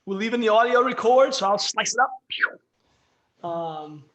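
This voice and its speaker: This podcast co-host has a high, expressive, fairly bright voice and speaks at a measured pace. He and his companions chat over beers, rambling, joking and constantly interrupting themselves. The room has an echoey sound.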